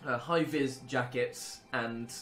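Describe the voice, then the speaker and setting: A man's voice: mid-range voice, fairly even intonation, slow, fairly bright tone. A man narrating as game master of a tabletop game, hesitant, with many ums and self-corrections.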